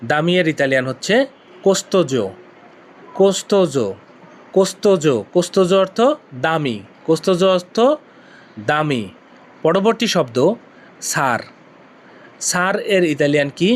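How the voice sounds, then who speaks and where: Male teacher from Bangladesh, slightly high voice, drills vocabulary by patient repetition. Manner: repeats each word slowly several times. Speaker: language teacher. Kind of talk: vocabulary lesson.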